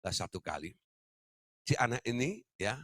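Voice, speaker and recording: A man's voice: medium pitch, very animated, normal speed, sharp tone. A man preaching a teaching sermon, talking directly to his listeners and often tagging his sentences with "ya". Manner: addresses listeners as "Saudara", tag-question fillers.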